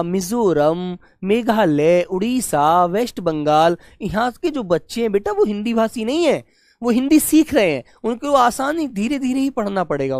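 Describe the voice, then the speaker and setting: A man teaching a live online exam class in a patient, coaxing way. He repeats every question to his pupils and calls them "beta." He scolds them gently. His voice sounds close and dry, with no room sound around it. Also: high-pitched, no room sound. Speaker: Hindi teacher.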